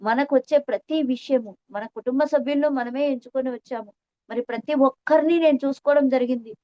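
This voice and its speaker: High-voiced earnest woman, dull dry recording. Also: brisk, no echo. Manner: earnest, reflective, repeats phrases for emphasis. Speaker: meditation testimony speaker. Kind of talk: spiritual talk addressing listeners.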